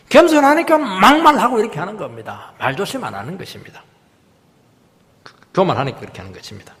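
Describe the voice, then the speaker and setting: A male pastor preaching a sermon in a church, emphatic, swinging from loud rises down to hushed drops. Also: medium pitch. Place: church sanctuary. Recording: long hall reverb.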